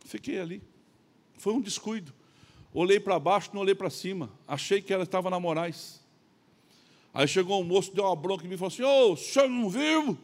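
A middle-aged man preaching a sermon in church, telling a story with lots of acted-out dialogue, swinging between loud and soft. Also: high voice, a little fast, long pauses. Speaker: pastor.

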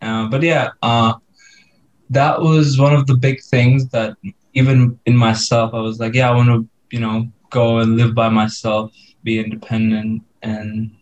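A man's voice: mid-range voice, flat delivery, a little slow, muffled recording. A twenty-year-old man from India, a guest on a podcast, chatting casually and laughing often. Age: 20s. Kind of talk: casual chat.

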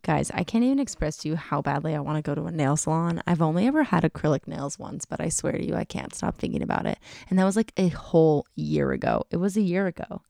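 A woman's voice: low-pitched, lively intonation, fast, vocal fry, hardly any pauses, warm tone, no echo, studio quality. A young adult woman chatting casually on her own channel, giggling often and filling her talk with "like". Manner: chatty, giggly, full of filler "like". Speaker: YouTuber. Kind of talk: casual chat.

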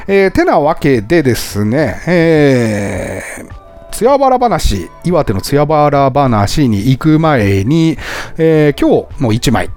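A man hosts a casual travel podcast in a slightly raised voice. His pitch swings up and down a lot. He keeps chuckling at his own anecdotes over faint music. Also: big pitch swings, takes it slowly, darkish tone. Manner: chatty, laughs often at his own stories. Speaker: podcast host and travel Instagrammer.

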